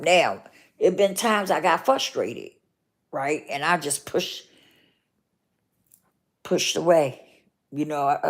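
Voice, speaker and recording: A woman with a lowish voice and talks straight to her listeners in an earnest motivational heart-to-heart. She repeats herself for emphasis and keeps checking in with "okay?" and "right?". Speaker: vlogger.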